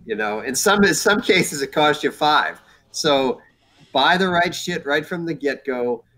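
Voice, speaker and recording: A man's voice: a little high, lively intonation, measured pace, pushed and bright. A man, a guest racing tuner, giving blunt, salty advice in casual talk over a video call.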